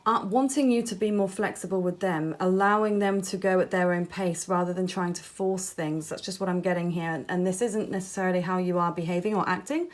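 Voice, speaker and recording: A woman giving a pick-a-card tarot reading straight to the viewer. She talks in a musing, gently reassuring way and often softens her points with "I feel". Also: lowish voice, steady tone, fairly quick, few pauses.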